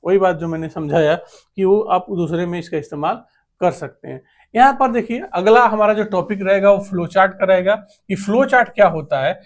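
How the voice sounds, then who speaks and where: A man's voice: high voice, fairly quick. A male computer teacher giving a classroom lecture, posing questions and answering them himself, and restating key terms in English. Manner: answers his own rhetorical questions.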